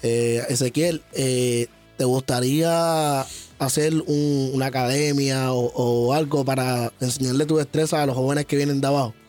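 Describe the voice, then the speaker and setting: A man hosting an interview, asking questions with many pauses and affirming noises. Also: mid-range voice, fairly even intonation, a little mellow, faint music behind. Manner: frequent backchannels, hesitant questions. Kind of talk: casual interview chat.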